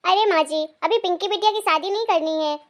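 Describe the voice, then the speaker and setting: A gentle young mother from a cartoon, voiced by a woman, with a very high, light voice. She talks calmly and coaxingly, like someone reasoning softly with family. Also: a little fast. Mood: pleading. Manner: soothing, coaxing. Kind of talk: animated cartoon voice acting.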